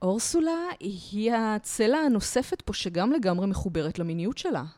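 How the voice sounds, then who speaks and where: A woman talking as a guest lecturer in a podcast interview, explaining in a lively, talkative way from memory. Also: medium pitch, dry recording. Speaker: guest lecturer on culture history.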